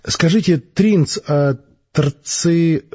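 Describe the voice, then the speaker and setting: A man's voice: fairly high pitch, dark tone, husky, voice pushed up, exaggerated voice. Brief: timid, adoring young woman, dazed and breathless, put on by a male narrator, raised voice, muffled audiobook sound. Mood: meek. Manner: halting, breathless, girlish.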